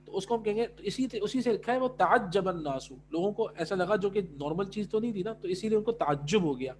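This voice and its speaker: Man, high voice, Arabic teacher, mixes Urdu and English, keeps checking students follow, faint hum. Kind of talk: online class explanation.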